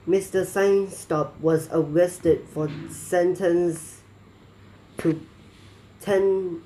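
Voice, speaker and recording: Slow, halting male storyteller. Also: on the high side, warm tone, slight background noise. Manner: halting, rambling, non-native phrasing. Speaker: narrator of a mock documentary. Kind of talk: improvised storytelling narration.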